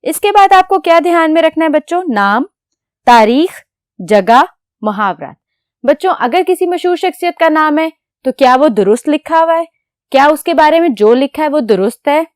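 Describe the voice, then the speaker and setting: A woman teacher giving a lesson to young students, explaining patiently step by step and asking questions that she answers herself, then dictating words slowly as she writes. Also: high voice, expressive, dry recording, clean studio sound. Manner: dictates slowly while writing. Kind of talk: classroom lecture to children.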